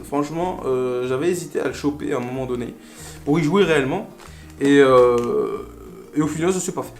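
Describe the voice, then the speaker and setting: A man hosting a casual unboxing video, talking in a chatty, playful way with lots of fillers and asides. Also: high-pitched. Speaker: retro game collector and video host. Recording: roomy echo with faint music.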